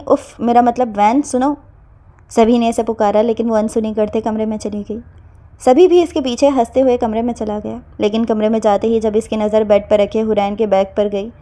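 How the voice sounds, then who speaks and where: Mellow woman narrating a novel. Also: on the high side, fairly even intonation. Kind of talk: scripted audiobook narration.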